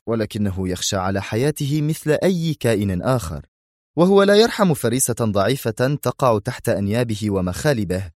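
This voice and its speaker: A man's voice: on the low side, darkish tone, no echo, clean studio sound, lightly acted. A man voicing a stern male intelligence commander who speaks in a firm, clipped, commanding way.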